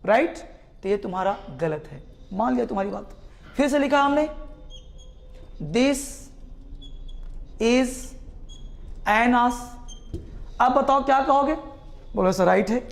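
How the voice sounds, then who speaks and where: A man's voice: extremely high pitch, lively intonation, a little fast, vocal fry. A man with an Indian accent teaching English. He explains patiently in a classroom style, repeats phrases and talks to his students as if they were children.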